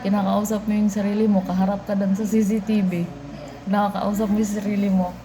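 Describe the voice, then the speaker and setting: In an echoey office with background noise, a woman vlogs casually, talking to herself and laughing often. Her mid-range voice is delivered flatly and a little fast.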